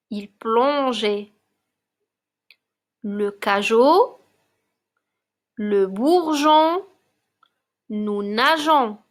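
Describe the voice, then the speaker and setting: Slow and deliberate, a woman primary school teacher dictates to her class in a recording made for remote learning, enunciating clearly in an encouraging way. She has a high pitch and a fairly bright tone.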